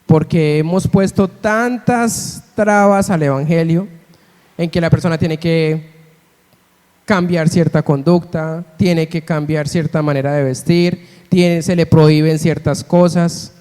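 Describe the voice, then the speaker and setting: A man's voice: on the high side, fairly even intonation, measured pace, darkish tone, clean tone. A man preaching a sermon as pastor, earnest and emphatic, asking rhetorical questions of the congregation. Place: church. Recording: long church hall reverb.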